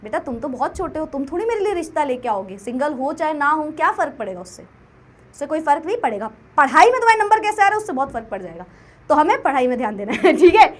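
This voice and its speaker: A woman's voice: high-pitched, big pitch swings, fast. A young woman teacher giving an online class, playful and teasing, often slipping into English.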